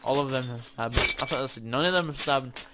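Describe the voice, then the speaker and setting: A man giving excitable, sweary commentary while playing a game, muttering to himself as he goes. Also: mid-range voice, brisk, heavy background noise. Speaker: gaming YouTuber. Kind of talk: casual let's-play commentary.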